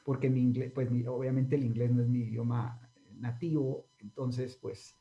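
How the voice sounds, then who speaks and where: On a muffled recording, a man with a Guatemalan accent interviews a guest in a casual, rambling way, full of fillers and tag questions. He's the channel host, speaking at medium pitch with a steady tone and moderate pace.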